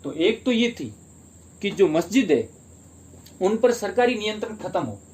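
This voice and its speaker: A man's voice: sits high, very animated, a little slow, a little mellow. A man teaching a history lesson for exam prep in Hindi, explaining step by step and asking and answering his own questions.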